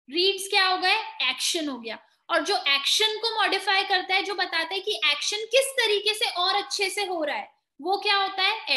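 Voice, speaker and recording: A woman's voice: extremely high pitch, pushed and bright, reverberant. A woman with an Indian accent teaching grammar in an online exam-prep lesson, explaining step by step and quizzing her students. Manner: explains in mixed Hindi and English, quizzing students.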